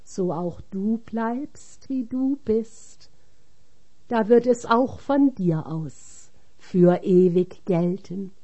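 A woman reading a religious text aloud in a measured, solemn way. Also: mid-range voice, expressive, warm tone. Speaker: reader.

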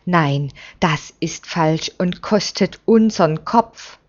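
A woman's voice: lowish voice, slow pace, a little mellow. Woman doing a bitter, scheming old priest. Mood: urgent. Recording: dull lo-fi recording.

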